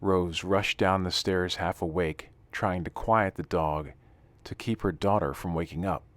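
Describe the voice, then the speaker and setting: Deep-voiced man narrating, dry sound. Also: unhurried, no echo. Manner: calm, steady reading with hushed dramatic passages. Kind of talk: scripted story narration.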